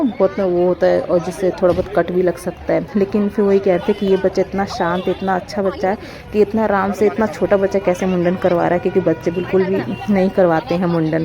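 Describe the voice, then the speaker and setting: A woman's voice: lowish voice, level tone, quick pace, muffled recording. A young woman vlogger telling viewers a heartfelt story in a rambling, casual way, often calling them guys. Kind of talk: emotional casual vlog narration.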